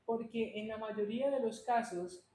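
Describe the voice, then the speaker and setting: A man's voice: high-pitched, moderate pace, mellow. A man teaching an English class live online, answering students by name and switching between Spanish and English. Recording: roomy echo, faint noise.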